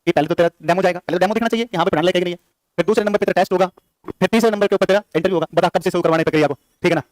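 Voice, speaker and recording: A male teacher lectures a class at a very fast clip, his voice pitched high. He keeps firing the same questions back at the students. The sound is close and dry. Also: no echo. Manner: rapid, repetitive quizzing of students. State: short on sleep.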